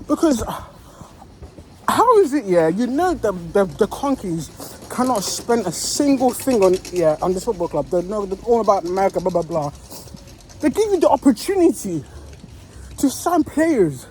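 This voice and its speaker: A woman's voice: medium pitch, sing-song, moderate pace, warm tone, a little hiss or hum. A woman, a football fan giving a heated, swearing reaction rant that keeps circling back on itself. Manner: heated, swearing, repeats herself.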